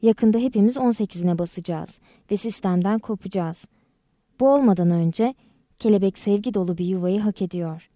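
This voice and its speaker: A woman reading the lines of a steady, wry teenage girl in an audiobook, in a calm manner. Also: medium pitch, moderate pace, dry recording, studio quality, lightly acted. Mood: earnest.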